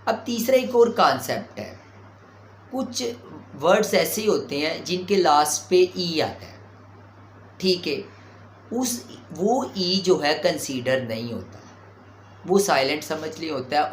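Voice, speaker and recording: Slow, methodical male English teacher. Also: a little high, animated, a little hiss or hum. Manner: explains step by step, checking in with "okay, clear". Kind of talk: explanatory language lesson. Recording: roomy echo.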